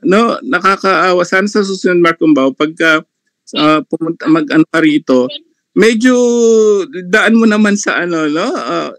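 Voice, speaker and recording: A man's voice: high-pitched, moderate pace, a bit bright, no echo. A man commenting on a religious debate on an online live panel, mocking and laughing often between remarks.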